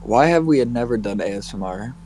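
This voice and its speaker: A man's voice: mid-range voice, animated, fairly quick, a little mellow, slight background noise. A young man co-hosting a casual podcast chat, talking loosely and swearing, easily exasperated by interruptions. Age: young adult. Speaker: podcast co-host.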